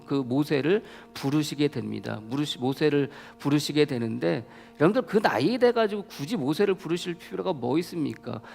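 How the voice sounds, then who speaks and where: A man's voice: medium pitch, vocal fry, slight background noise. A male pastor preaching a sermon, constantly putting rhetorical questions to the congregation and building in intensity. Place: church sanctuary. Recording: reverberant church hall.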